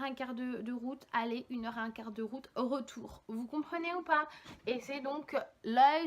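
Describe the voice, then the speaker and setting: A young woman chatting casually about books, lively and rambling, with many fillers and self-corrections. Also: on the high side. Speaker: book vlogger. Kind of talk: casual chat.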